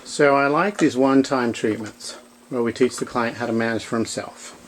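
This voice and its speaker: A man working as a manual physical therapist, calmly explaining each step of a clinical demonstration in a treatment room and speaking gently to his patient. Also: mid-range voice, moderate pace, slight background noise, rough recording.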